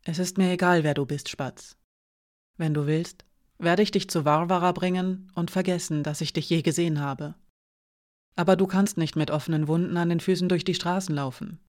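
A woman voicing a protective young woman who speaks quietly, slowly and firmly in an audiobook. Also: lowish voice, fairly even intonation, natural voice. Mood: gentle. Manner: quiet, slow and firm.

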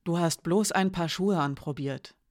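Woman reader as a guarded thief woman, low, firm, insistent, slow when it counts. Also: a little mellow, dry recording, studio quality, close to an everyday voice. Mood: earnest.

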